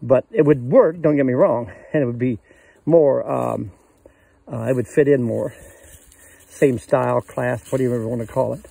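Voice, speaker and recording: A medium-pitched, creaky voice with a warm tone and a breathy edge belongs to an older man who talks at a moderate pace. He's casually showing his cabin outdoors in the woods, rambling in a folksy manner full of fillers, and the handheld phone recording has poor audio.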